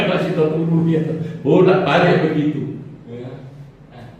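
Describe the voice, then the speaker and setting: A man's voice: fairly high pitch, normal speed, darkish tone, muffled recording. A man preaching a sermon as a pastor, telling chatty, joking stories and laughing along with them. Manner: chatty, joking storyteller who laughs at his own stories. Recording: very echoey hall, distant mic, faint ambience.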